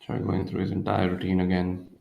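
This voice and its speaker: Male golf commentator, lowish voice, live play-by-play, measured delivery, echoey room sound. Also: completely flat delivery, vocal fry, dull audio. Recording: roomy, echoing sound.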